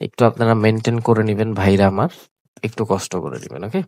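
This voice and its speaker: A sick, coughing man, talking slowly through live trades on screen and repeating his points, mixing in English words. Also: lowish voice, lively intonation, gravelly, a little mellow, no room sound. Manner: slow, repetitive explaining with English words mixed in. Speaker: trading tutor. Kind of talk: live trading screen commentary.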